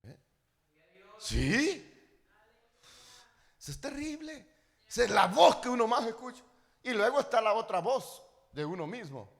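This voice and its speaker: High gravelly preacher guy, shouts and half sings then goes quiet, big echoey church. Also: big pitch swings, moderate pace, pauses often. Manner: swings from shouted, sung-out preaching to low, quiet asides. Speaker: pastor. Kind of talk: Pentecostal sermon. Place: church hall.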